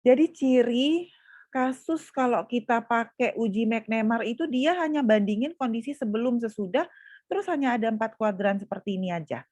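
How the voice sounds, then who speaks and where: A woman's voice: fairly high pitch, expressive, normal speed, darkish tone, no echo. A woman university lecturer teaching statistics over a video call, calling on students by name and patiently prompting them to answer.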